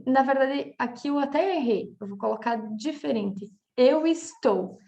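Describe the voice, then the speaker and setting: A woman's voice: sits high, measured pace, vocal fry, warm tone, muffled recording. A woman with a Brazilian Portuguese accent, a coach giving a casual spoken lesson that she works through with examples and frequent "tá?" checks. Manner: talks through examples, with many filler checks like "tá?". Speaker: coach teaching a class.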